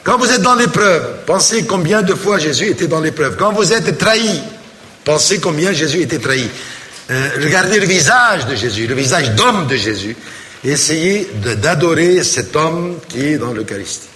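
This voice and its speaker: A priest's voice, slightly raised in pitch, tells stories from the pulpit. He carries his sermon with lively storytelling. A roomy church hall gives it a long reverb over faint ambience. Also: normal speed. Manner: storytelling, animated.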